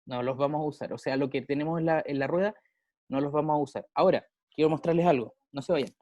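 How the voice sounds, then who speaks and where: A man's voice: fairly high pitch, fast talker, darkish tone, dull audio. A male teacher with a Chilean accent, explaining grammar in a casual way with everyday examples and frequent check-ins with his pupils. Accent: Chilean Spanish. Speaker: English teacher.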